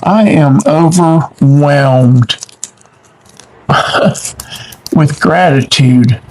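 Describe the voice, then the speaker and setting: A man's voice: a little high, very slow, low-quality recording. A middle-aged man, chatting casually and exclaiming with delight as he unboxes mail for his channel. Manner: warm-hearted, easily delighted, exclaims often.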